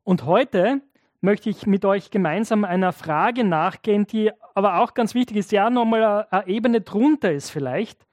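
A man's voice: sits high, moderate pace, darkish tone, no echo. A man preaching a sermon, telling a story in a conversational way and addressing his listeners directly. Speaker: pastor.

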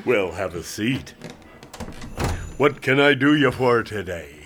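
An actor playing an older, folksy Santa Claus who laughs heartily and seems easygoing and puzzled. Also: male voice, medium pitch, lively intonation, slow, noisy background. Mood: jovial. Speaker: Santa Claus in an audio drama.

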